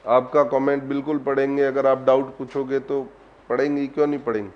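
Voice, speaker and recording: A man's voice: medium pitch, level tone, fairly quick, lo-fi sound. A man teaching a live online class, quizzing his students with repeated questions and addressing them fondly. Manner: coaxing, affectionate address to students.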